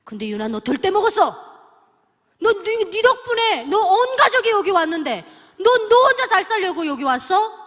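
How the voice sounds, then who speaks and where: Woman acting a stern fatherly God with Pyongan dialect: loud, high-pitched scolding, reverberant hall. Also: very animated, normal speed, heavily acted.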